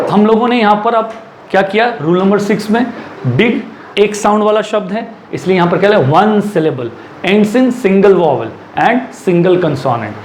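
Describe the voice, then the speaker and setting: High-voiced man teaching in an echoey room. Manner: repeats and dictates slowly while writing; asks the class questions and answers them himself. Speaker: English teacher. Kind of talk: classroom lesson, Hindi with English. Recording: echoey room with faint ambient noise.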